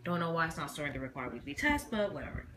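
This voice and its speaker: In a noisy homemade recording, a feminine-sounding hobbyist presents a rambling, casual show-and-tell, stopping and starting as she goes. Her mid-range voice swings widely in pitch.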